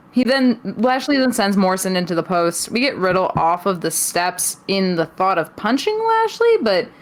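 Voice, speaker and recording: A woman co-hosting a podcast, giving a casual recap filled with ums and wry asides. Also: on the low side. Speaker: podcast co-host. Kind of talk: casual wrestling event recap.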